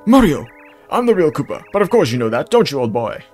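A man's voice: a little high, big pitch swings, fast, darkish tone, soft background music. A man voicing a ghost who pretends to be a turtle companion, in a put-on British accent with chummy old-chap phrasing. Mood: smug.

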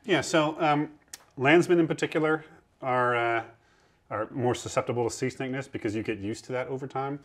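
A man's voice: mid-range voice, normal speed, a bit bright. A man in his thirties guiding a tour below deck on a historic ship, explaining in a chatty way with a lapel mic. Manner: chatty, explanatory, acts out quoted sailors. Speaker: museum ship guide.

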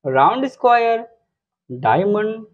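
A very slow, lilting voice-over for a kids' drawing lesson, calling out each color and shape one by one. The pitch rises and falls a lot. The sound is thin and tinny, like a phone line. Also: big pitch swings. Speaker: children's drawing teacher. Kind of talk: slow instructional narration for kids.

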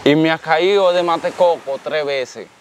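A man's voice: a little high, a little slow, a little hiss or hum. A man with a Dominican accent, telling his own story in an interview, earnest and repetitive, often thanking God. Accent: Dominican Spanish. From Dominican Republic. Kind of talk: casual storytelling.

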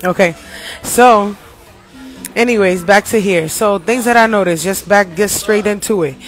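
A man's voice: sits high, measured pace, faint music behind. A man hosting a casual livestream as an astrologer, joking around and putting on a mock announcer voice, talking into his phone.

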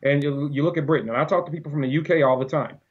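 This argumentative man, a gun-rights advocate guesting on a podcast, talks at a racing pace in a husky, slightly high voice. In the casual conversation he stays animated and argumentative, frequently performing the voices he quotes, all on dull lo-fi audio.

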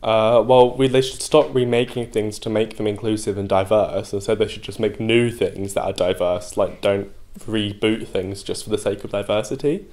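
Young man, vox pop interviewee, blunt, lowish voice. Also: fairly even intonation, moderate pace, few pauses, darkish tone. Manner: blunt and opinionated. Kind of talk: casual vox pop answer. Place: dark indoor room.

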